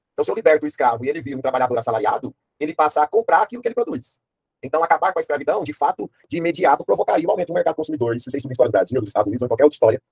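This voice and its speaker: A man teaching a history class online in a fast, casual way, often asking his students questions and using slang. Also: on the high side, darkish tone, breathy edge, no echo.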